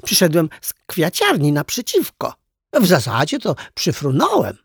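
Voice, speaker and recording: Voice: mid-range voice, very animated, takes it slowly, creaky, a little mellow, slightly rough, no room sound, clean studio sound, pitched above the performer's own voice, exaggerated voice. A storyteller voicing a small, lonely jester toy who hopes a child will take it home, in a children's storybook reading. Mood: earnest. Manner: earnest and eager. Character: cheerful little jester toy, lonely and hopeful.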